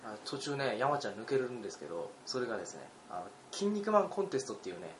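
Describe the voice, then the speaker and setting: A young man in his twenties co-hosting a casual podcast chat, an animated storyteller who laughs often and acts out the lines of the people in his stories. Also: mid-range voice, fast. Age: 20s. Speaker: podcast co-host. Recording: roomy recording with faint background hiss.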